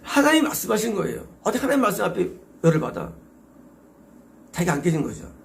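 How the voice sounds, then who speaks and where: Gravelly, high-pitched Korean pastor preaching. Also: male voice, wildly swooping pitch, quick pace, slight background noise. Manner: emphatic, exhorting with rhetorical questions. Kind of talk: sermon.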